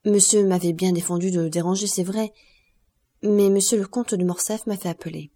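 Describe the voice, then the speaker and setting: A woman's voice: mid-range voice, steady tone, brisk, dark tone, close to an everyday voice. A woman reading the part of a cautious male valet, speaking respectfully and deferentially.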